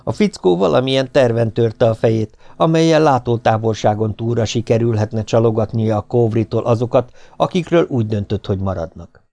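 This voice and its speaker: A man narrating an audiobook with a steady, measured reading. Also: mid-range voice, vocal fry, no room sound. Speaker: audiobook reader.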